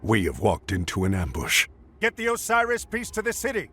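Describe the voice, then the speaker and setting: A man's voice: fairly low pitch, wildly swooping pitch, a little fast, pushed and bright, exaggerated voice. An actor voicing a heroic, earnest admiral leading his men in a game.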